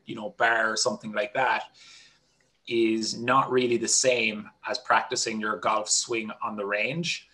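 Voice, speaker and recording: He's an Irish golf strength and conditioning coach in his thirties, on a video call with a headset in a small room at home. With a lowish voice and a poor-quality recording, he explains his work steadily, leaning on "kind of" again and again.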